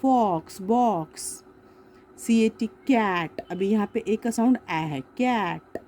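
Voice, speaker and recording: Woman, teacher, children's grammar lesson, very slow, spells words out, faint background noise. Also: medium pitch, darkish tone. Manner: slow, repeats each word and spells it letter by letter; asks questions and answers them herself.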